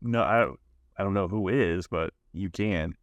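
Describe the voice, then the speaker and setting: A man with a fairly low voice chats loosely on a podcast, teasing his partner and laughing easily. His voice sits close and dry, with no echo. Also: dull audio. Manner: easygoing, quick to laugh, teasing banter. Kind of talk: casual podcast chat.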